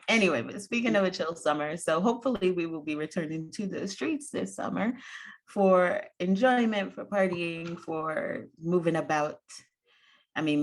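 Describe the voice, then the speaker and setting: A woman co-hosting a casual, opinionated chat in an animated way. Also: low voice. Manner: animated, acts out imagined quotes, laughs easily. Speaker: podcast co-host.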